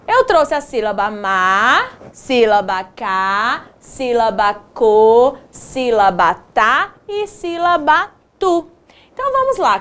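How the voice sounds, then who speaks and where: Slow sing-song woman teacher. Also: high-pitched, a bit bright. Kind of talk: children's video lesson.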